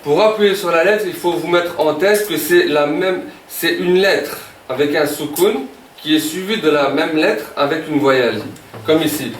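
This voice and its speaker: A man with a voice on the high side speaks a little slowly while teaching a beginners' Arabic class, often repeating words and checking in with "ok?". The classroom lesson is recorded from a distance in an echoey room, with a little hiss or hum.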